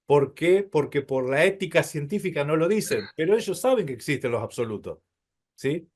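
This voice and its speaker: A man's voice: a little high, animated, normal speed. A man teaching a Hebrew class, explaining patiently, calling his listeners brothers and checking often that they follow.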